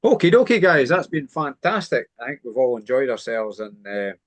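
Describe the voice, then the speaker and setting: A man's voice: medium pitch, very animated, moderate pace, dry recording. A man hosting a boxing chat, easygoing and jokey, on a video call. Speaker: host. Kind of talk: casual panel chat.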